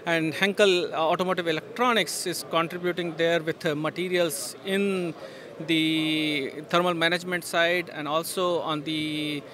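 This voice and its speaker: A man's voice: on the high side, steady tone, a little slow, sharp tone. A middle-aged man answering questions at a trade show booth, speaking with frequent fillers and restarts into a handheld mic. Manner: hesitant, many fillers and restarts. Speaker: industry guest at a trade show. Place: busy exhibition hall booth. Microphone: handheld interviewer mic. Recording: faint trade show hall noise.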